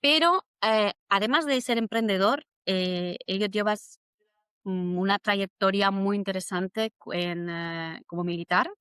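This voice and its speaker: A woman from hosting a podcast interview, chatty and animated as she tells stories. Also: mid-range voice, measured pace, clear, resonant tone, no echo, studio quality. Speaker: podcast host. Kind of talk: casual interview.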